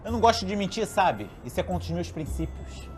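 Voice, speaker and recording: A man with a Brazilian accent playing a blunt, flippant spirit in a comedy sketch, breezy, slangy and deadpan. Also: high-pitched, fast talker, faint music behind. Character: blunt, flippant spirit friend, casually tactless.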